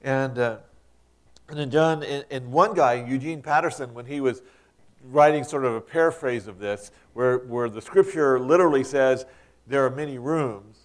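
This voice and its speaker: A man preaching a conversational sermon as pastor, relaxed and chatty, often restarting sentences, and growing louder when he stresses a point. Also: mid-range voice, moderate pace.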